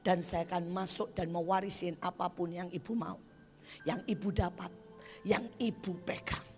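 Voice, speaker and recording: A woman's voice: on the low side, fairly even intonation, moderate pace, in a large hall, soft background music. An older woman preaching a sermon as pastor, blunt and emphatic, acting out the people she quotes.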